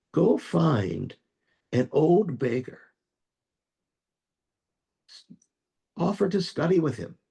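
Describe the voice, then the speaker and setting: A man voicing a wise old male rabbi who is calm and firm and gently admonishing. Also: a little high, gravelly, full character voice.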